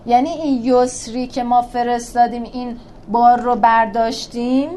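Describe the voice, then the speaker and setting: A woman teaching a religious class on scripture verses. She talks in a lively way, asks rhetorical questions and answers them herself, and recites verses slowly. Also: fairly high pitch, slight background noise. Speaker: teacher of a Quran class for women. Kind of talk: religious lesson explaining scripture.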